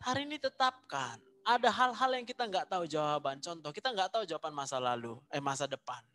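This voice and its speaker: A man preaching a sermon, animated, repeating phrases for emphasis. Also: fairly high pitch, fast talker, slight background noise.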